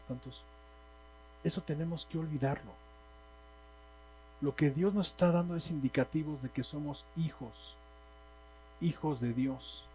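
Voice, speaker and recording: On a low-quality recording with slight hiss or hum, a preacher delivers an emphatic sermon in a church hall, putting questions to the congregation. He has a Mexican Spanish accent and a mellow, medium-pitched voice.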